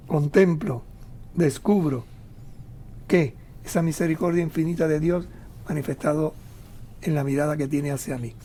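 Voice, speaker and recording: High-voiced man reflecting on scripture. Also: dark tone. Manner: emphatic, repeats phrases, reads verses aloud. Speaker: radio co-host leading prayerful Bible reading. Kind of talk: reflective radio talk on scripture.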